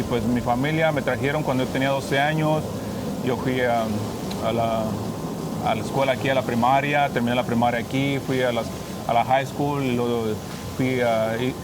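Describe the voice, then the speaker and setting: Brief: young Mexican priest as a guest, hesitant and restarting, mid-range voice, noisy background. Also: male voice, mid-range voice. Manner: halting, many restarts and fillers. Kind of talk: interview guest, personal testimony.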